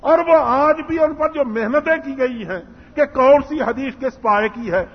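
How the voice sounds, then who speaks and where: A man's voice: extremely high pitch, slightly rough. A man giving a religious lecture, telling a story earnestly and acting out its dialogue. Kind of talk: Islamic lecture. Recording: muffled hall recording with long reverb.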